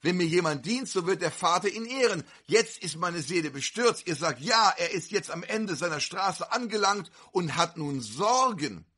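A man preaching a fervent sermon to a congregation, with sudden loud outbursts. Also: sits high, expressive, moderate pace, hardly any pauses, slightly rough.

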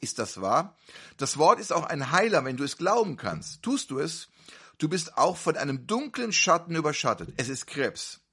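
A man's voice: fairly high pitch, a bit bright, husky. A man preaching at a healing service, fervent and repeatedly asking the congregation whether they believe.

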